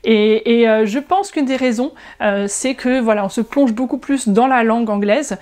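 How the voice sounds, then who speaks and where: A woman from France in her thirties, talking casually to camera in a vlog with frequent pauses and restarts. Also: a little high, darkish tone. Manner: chatty, many hesitations and restarts. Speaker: language-learning YouTuber.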